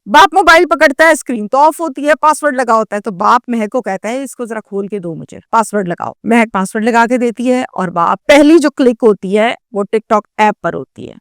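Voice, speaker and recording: A woman's voice: medium pitch, no room sound, clean studio sound. A woman narrating a true story in a conversational storytelling way. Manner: conversational storytelling, sets up dialogue.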